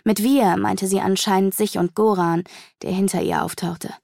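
A woman reads a dark fantasy audiobook in a measured, storytelling manner, easing off the pace when the tension builds. Her mid-range voice carries a gravelly fry. The recording is dry and close, with no room sound. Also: medium pitch, steady tone, no room sound. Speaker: audiobook narrator. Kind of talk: dramatic fantasy audiobook reading.

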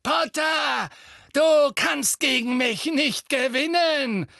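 A man reading an audiobook voices a fanatical female dark witch, shrill and screaming. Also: drawn-out words, gravelly, dry recording, studio quality, full character voice. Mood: shrieking fury.

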